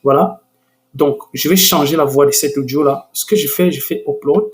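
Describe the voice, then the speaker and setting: A man with a fairly high voice hosts a screen-recorded software tutorial. He talks with frequent restarts and hesitant fillers, turning eager as he shows off the results. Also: moderate pace. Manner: enthusiastic.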